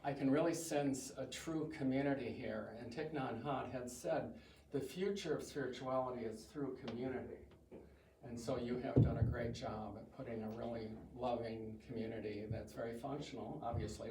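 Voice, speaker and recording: Captured from afar in an echoey church hall with background noise, a big-voiced older Midwestern man of medium pitch gives a chatty, self-mocking talk to churchgoers as their guest speaker.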